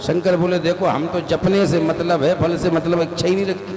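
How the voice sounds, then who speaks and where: A man's voice: a little high, steady tone, moderate pace, darkish tone, a little hiss or hum. A man preaching a devotional katha sermon, telling a story and acting out the dialogue of its figures. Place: large outdoor katha venue with loudspeakers. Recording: echoey live hall sound with music.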